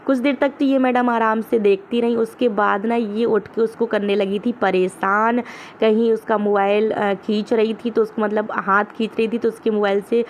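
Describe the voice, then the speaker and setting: A woman's voice: fairly high pitch, steady tone, moderate pace, slight background noise. A young woman and mother narrating her family vlog in a homely, chatty voice-over, full of small fillers and restarts.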